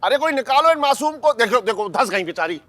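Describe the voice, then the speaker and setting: A middle-aged man caught out and scrambling for excuses. His voice sits fairly high, and he stammers and protests in a fussy, defensive sitcom style. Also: animated, fairly quick, a bit bright. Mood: flustered. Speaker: sitcom actor. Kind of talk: TV sitcom acting.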